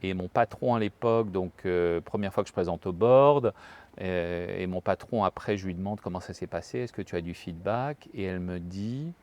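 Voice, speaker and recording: A man's voice: low-pitched, moderate pace, darkish tone. A man, a human resources professional, recalling anecdotes as an interview guest, hesitant with many filler sounds and restarts. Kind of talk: telling anecdotes in a conversational interview.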